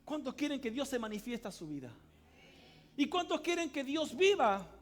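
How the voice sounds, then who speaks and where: A man preaching a sermon as pastor of a church, emphatic, swinging between loud cries and quiet asides and calling on the congregation to answer aloud. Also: extremely high pitch, big pitch swings, normal speed, soft background music. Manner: calls on the congregation to respond aloud. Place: church service hall.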